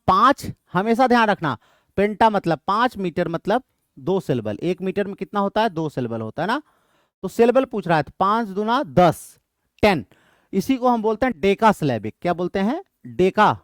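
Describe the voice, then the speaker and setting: Repetition marks this man's exam-prep teaching: he restates his points frequently and answers his own questions, speaking in a high voice with an Indian English accent. The studio-quality audio carries no echo.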